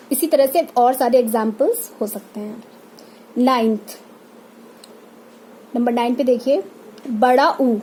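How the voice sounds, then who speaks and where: A woman teacher giving a classroom pronunciation lesson, saying example words one at a time and repeating them deliberately. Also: high voice, warm tone, a little hiss or hum.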